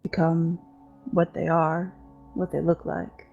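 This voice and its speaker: Weary old talking dog acted by a woman, lowish, resigned and matter-of-fact, halting delivery for a fantasy game. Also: little pitch movement, creaky, a little mellow, dull audio, faint music behind, full character voice. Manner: hesitant, understated, matter-of-fact.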